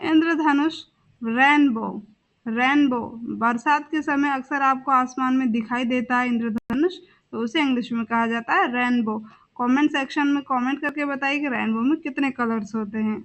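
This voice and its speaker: A woman's voice: high voice, moderate pace. A young woman teaching a vocabulary lesson. She says each word twice and spells words out letter by letter. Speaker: English teacher.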